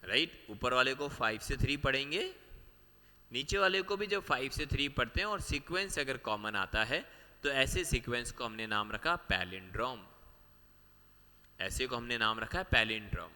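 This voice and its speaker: A man teaching a biology class for exam prep. He explains step by step, repeats the key points and keeps asking the students quick questions. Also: mid-range voice, lively intonation, sharp tone, in a large hall. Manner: explains step by step, mixing Hindi with English terms.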